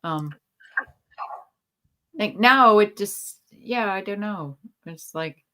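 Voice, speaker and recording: A woman's voice: medium pitch, lively intonation, slow pace, fairly bright tone. A woman co-hosting a casual livestream chat, talkative and laughing often, trailing off mid-sentence. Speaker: co-host.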